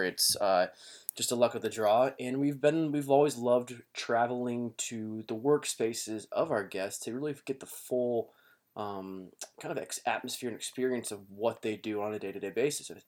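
Man, lowish pitch, podcast host, casual talk, rueful and apologetic, home basement recording. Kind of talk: casual spoken podcast intro.

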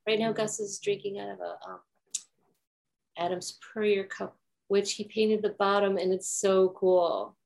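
A woman's voice: medium pitch, fairly even intonation, unhurried, gravelly, a little mellow. A woman co-hosting a podcast in casual chat, talking loosely with lots of "like" fillers and laughing easily. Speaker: podcast co-host.

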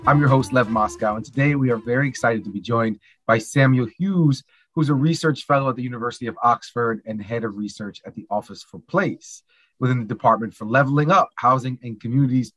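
Male interview podcast host, mid-pitched, recorded dry on a close mic. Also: a little fast, fairly bright tone, no room sound, soft background music, rough recording. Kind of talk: interview hosting.

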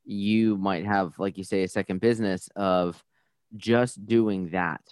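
A man hosting an interview podcast, encouraging and measured. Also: low voice, fairly even intonation, a little mellow, clean tone, no echo, clean studio sound. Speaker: podcast host. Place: studio in Florida.

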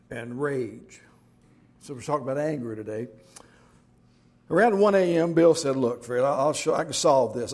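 A man's voice: on the high side, darkish tone. A middle-aged man preaching a sermon as pastor, telling jokes and stories in a folksy way. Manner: folksy joke-telling storyteller.

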